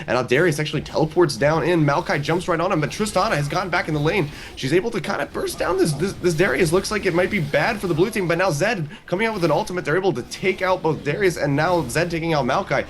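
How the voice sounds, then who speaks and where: Fast male game commentator, rattling off plays nonstop, faint noise in the background. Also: fairly high pitch. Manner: rapid, excitable play-by-play. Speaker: esports commentator.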